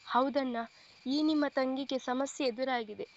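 A humble, grateful young woman speaking politely and with hesitant earnestness in an audio story, voiced by a woman reader. Her voice is high, on a dull lo-fi recording. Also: a little slow, a little hiss or hum. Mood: earnest.

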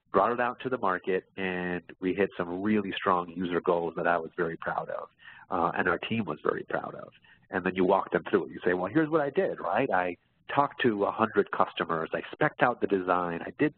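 A deep, husky male voice belongs to a man presenting himself as a career coach, who answers webinar questions explanatorily and checks in often as he goes. The audio sounds like a muffled phone line in an echoey room.

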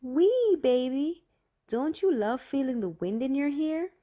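A woman's voice: mid-range voice, lively intonation, normal speed, warm tone, natural voice. A woman doing a bossy pouting girl. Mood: bossy teasing. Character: young girl Janet, bossy and pouty.

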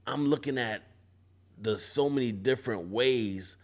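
A mid-range male voice, a little slow, belongs to a barber in his forties speaking on a podcast. Thoughtful and often restarting sentences, he's in a casual panel discussion indoors at a barbershop event space, recorded on a boom-arm podcast mic.

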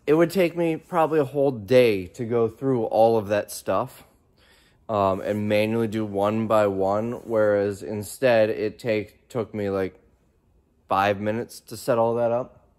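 This thirties-aged man has a fairly low, slightly mellow voice. Working as a reseller vlogger, he rambles and thinks aloud in casual chat, holding his phone at arm's length inside a large warehouse and storage room.

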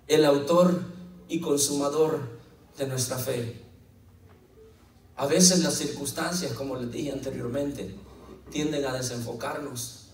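A man preaching a lively sermon as pastor, telling the story and quoting scripture with jokes along the way. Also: mid-range voice, slow pace, pauses often. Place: church hall. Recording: echoey church, mic at a distance.

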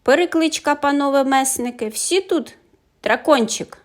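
A woman puts on a tiny orange dragon girl who rules her gang of little dragons with giggles and bossy commands. The voice sits high above an everyday woman's, teasing one moment and stretching out slow threats the next. It belongs to a read-aloud fairy tale. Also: natural voice. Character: mischievous little female orange dragon, ringleader. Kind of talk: audiobook fairy tale reading.

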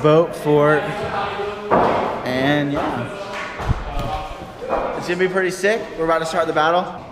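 A young man filming a casual group vlog on an action camera, excitable and laughing, shouting during play in a large warehouse garage. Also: a little high, a little slow, heavy background noise. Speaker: vlogger. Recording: hall reverb, loud clatter.

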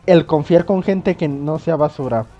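A man's voice: on the high side, a little slow, lo-fi sound, soft background music. A man voicing a furious ranting male ghost dummy from a video game. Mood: angry. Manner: shouting insults, reading game text aloud.

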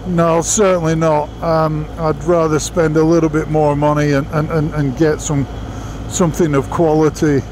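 A man's voice: a little high, little pitch movement, normal speed, noisy background. A man speaking inside a helmet, giving a frank, plainspoken verdict in a casual product review. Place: outdoors by a motorcycle.

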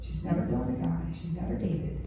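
A woman's voice: fairly low pitch, lively intonation, quick pace, mellow, recorded from a distance. A middle-aged woman doing a stand-up comedy set, telling stories in a chatty way and acting out sounds and voices. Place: comedy stage before a live audience. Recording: echoey stage, mic heard from afar with faint noise.

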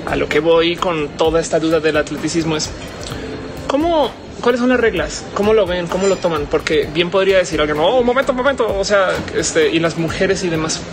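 A man's voice: a little high, expressive, a little fast, music in the background. A man in his thirties with a Mexican accent, a YouTuber interviewing a guest in a playful, joking way. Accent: Mexican Spanish. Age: 30s. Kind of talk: casual interview. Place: indoors, large stone-walled public building.

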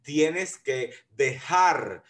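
A man's voice: fairly high pitch, animated, very slow, fairly bright tone. Camp, crude man chatting. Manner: flamboyant, camp, crude and playful. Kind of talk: casual chat reviewing a competition show.

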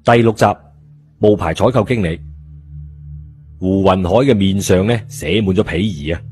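Low-pitched and somewhat dark in tone, this man speaks at an ordinary pace. He has a Cantonese accent and reads a scripted story in a colloquial style as an audiobook narrator. His voice comes through muffled over a music bed.

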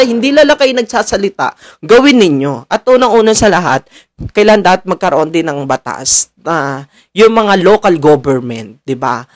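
A young man from the Philippines ranting to his viewers, animated and preachy, mocking officials and laughing between lines. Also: high-pitched. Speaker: political commentator. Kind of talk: casual ranting monologue to viewers.

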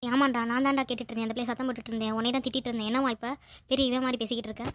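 A woman voicing a worried, scolding elderly grandmother in a cartoon, speaking in rapid nagging questions. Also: fairly high pitch, level tone, a little hiss or hum, natural voice. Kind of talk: Tamil cartoon voice acting.

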